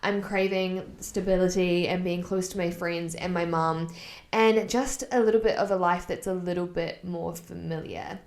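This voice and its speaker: A woman's voice: fairly low pitch, steady tone, normal speed, a little mellow. A woman from New Zealand in her thirties, hosting a wellness podcast in an upbeat, chatty and encouraging way. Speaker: podcast host. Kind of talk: solo wellness podcast talk.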